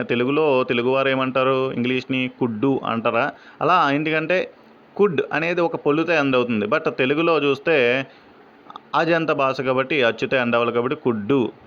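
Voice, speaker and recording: Man teaching, smooth voice. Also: medium pitch, a bit bright. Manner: asks questions then answers them, mixes in English phrases. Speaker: exam-prep teacher. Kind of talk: revision lesson explaining exam questions. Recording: dull, lo-fi recording.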